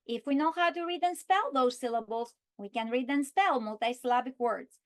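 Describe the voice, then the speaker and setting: A woman with a fairly high voice explains a reading lesson plan to teachers. She speaks slowly and deliberately. She draws out words as she models how to say them. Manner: slow, deliberate delivery, stretching key words when modeling. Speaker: teacher trainer. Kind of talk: instructional walkthrough with modeled lesson script.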